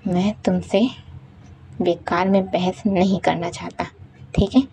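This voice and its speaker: Brief: woman playing a mild, apologetic young man, soft pleading delivery, dark gravelly tone. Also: lowish voice, flat delivery, measured pace, dry recording, exaggerated voice. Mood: quiet. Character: calm bespectacled young man, quiet and apologetic.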